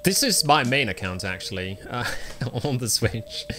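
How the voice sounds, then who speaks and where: A man with a medium-pitched, sharp-toned voice speaks unhurriedly with big pitch swings. Streaming a video game over background game music, he chats casually with viewers, rambling and filling gaps with lots of ums and uhs.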